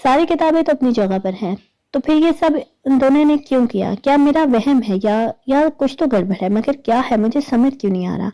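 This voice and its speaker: A woman voicing a pious young male spiritual healer who murmurs his thoughts calmly. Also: high voice, low-quality recording.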